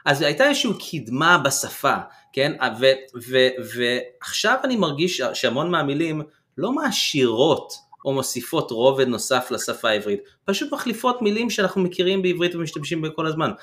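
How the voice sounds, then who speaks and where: A man making a conversational, opinionated argument in an informal way, pausing as he picks his words. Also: fairly high pitch, big pitch swings, fairly bright tone. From born outside Israel, immigrated. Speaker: panel speaker.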